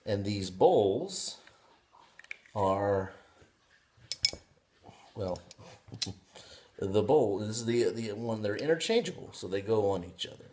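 A man in his thirties chatting casually on his living room couch, showing off pipe bowls with excited, rambling talk full of restarts. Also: lowish voice, takes it slowly, long pauses. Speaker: pipe hobby vlogger. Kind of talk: casual unboxing vlog.

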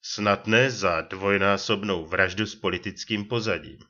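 A man's voice: fairly low pitch, sharp tone, highs cut off. A man voicing an indignant, exasperated police first lieutenant who scolds in rising tones. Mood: ironic.

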